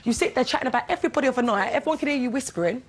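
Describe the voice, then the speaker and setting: Brash fast-talking woman arguing. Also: high voice, lively intonation. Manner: brash, confrontational, swears freely. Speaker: reality show contestant. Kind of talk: heated argument. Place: indoor living area of a reality show house. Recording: noisy room recording.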